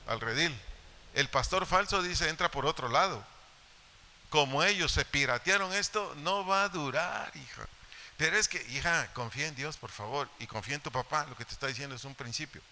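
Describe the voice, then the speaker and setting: Middle-aged man, Mexican Spanish accent, pastor's sermon, very bright sharp voice, faint hiss. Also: on the high side, normal speed. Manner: repeats key phrases and Bible references for emphasis. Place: church hall.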